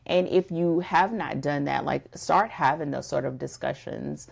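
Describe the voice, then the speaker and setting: Podcast co-host, woman, low voice with gravel, emphatic and direct with listeners. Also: unhurried. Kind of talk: casual conversational podcast.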